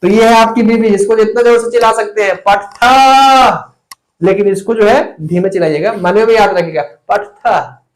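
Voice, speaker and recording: A young man with a fairly high voice teaches Sanskrit to students watching online, writing on a board as he goes. He keeps the lesson light with playful jokes and quick asides to his viewers. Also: fairly even intonation, a little mellow, low-quality recording. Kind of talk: online classroom lecture.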